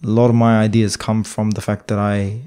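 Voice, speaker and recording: Man, podcast co-host, low voice, mellow tone, casual rambling chat. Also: flat delivery, normal speed, smooth. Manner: rambling, lots of fillers and restarts. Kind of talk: casual discussion.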